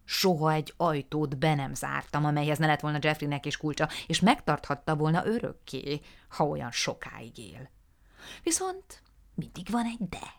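A woman's voice: sits low, lively intonation, creaky. A woman voicing a fussy, theatrical little male art dealer who talks in a flowery, gushing way. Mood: confiding.

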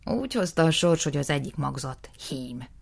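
A woman's voice: low-pitched, animated, creaky, slightly rough, full character voice. A woman voicing a smug, dismissive older brother, a male farmer in an audiobook, speaking sarcastically.

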